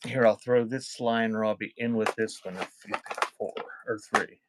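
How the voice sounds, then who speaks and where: A man hosts a laid-back live sale, his fairly low voice holding an even intonation at normal speed against a noisy background. He rambles conversationally as a livestream auction seller, moving between calling out items and chatting with viewers.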